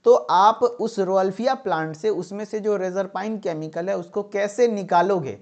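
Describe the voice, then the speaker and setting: A man's voice: high-pitched, normal speed, darkish tone. Man, pharmacy tutor, emphatic and repetitive exam coaching. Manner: repetitive, emphatic, checks in with "ठीक है". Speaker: pharmacy teacher. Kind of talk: exam-tips lecture.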